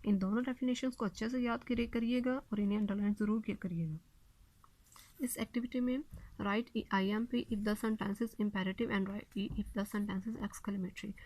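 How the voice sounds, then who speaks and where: A woman teaching a recorded lesson. She reads the sentences slowly and deliberately, then explains them quickly in Hindi. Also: mid-range voice, steady tone, a little mellow, no echo, low-quality recording. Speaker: school English teacher.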